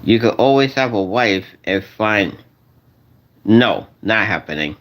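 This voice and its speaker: Man, forties, vlogger; loose slangy monologue, repeats himself, lively pitch. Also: unhurried, highs cut off, a little hiss or hum. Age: 40s. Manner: repetitive, restarts and repeats phrases; slangy, addresses viewers as y'all. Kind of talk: rambling casual monologue to viewers.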